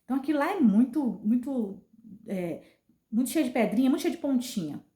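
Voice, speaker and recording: A woman's voice: sits high, lively intonation, brisk, warm tone. Brazilian woman in an echoey room. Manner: earnest, repetitive retelling. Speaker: vlogger. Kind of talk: casual personal storytelling. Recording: roomy echo.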